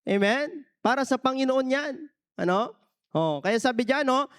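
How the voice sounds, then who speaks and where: A man's voice: extremely high pitch, animated, unhurried, smooth. A man from the Philippines preaching a sermon as pastor, mixing English phrases into his talk and often asking the congregation to answer back. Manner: peppers every point with questions to the congregation.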